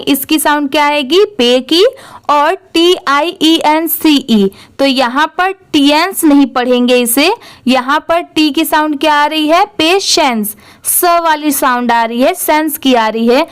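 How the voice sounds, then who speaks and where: A high-pitched woman leads a slow English reading lesson. She spells each word out letter by letter, asks what it reads as, and answers herself. Her pace stays unhurried and measured throughout. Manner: slow, spells words letter by letter and repeats them; asks questions then answers them herself. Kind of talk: classroom-style phonics lesson.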